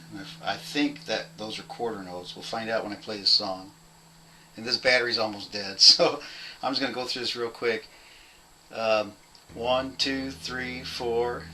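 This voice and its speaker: A young man casually teaching a bass part at home, rambling, apologizing and laughing at himself as he counts out beats. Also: sharp tone, slight background noise, poor audio. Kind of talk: casual home video lesson.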